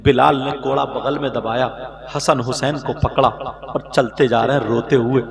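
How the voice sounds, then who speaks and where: A man preaching an emotional sermon, telling a story tearfully with sudden shouted bursts. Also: mid-range voice, fairly even intonation, normal speed, vocal fry, long reverb tail. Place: religious gathering. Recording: live crowd audible behind.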